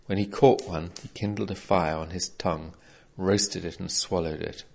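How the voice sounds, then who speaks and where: A man narrates an old folk tale in a measured storybook way. His voice is very low and steady. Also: vocal fry. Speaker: reader.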